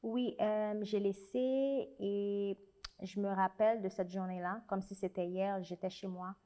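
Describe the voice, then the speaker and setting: Measured and steady, her mid-range voice has a dark tone as this young adult woman with a Haitian French accent speaks as an interview guest. She is a writer and special educator who reflects earnestly on her answers and often begins again mid-thought.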